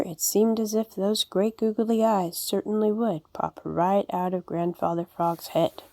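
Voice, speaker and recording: A woman reading a children's storybook aloud in a gentle, expressive way. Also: mid-range voice, dry recording. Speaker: audiobook reader.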